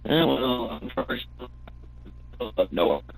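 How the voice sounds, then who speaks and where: A man's voice: medium pitch, sing-song, drawn-out words, gravelly, low-quality recording. Man on a choppy, cutting-out call line. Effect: choppy call audio that keeps cutting out. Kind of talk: casual gaming chat.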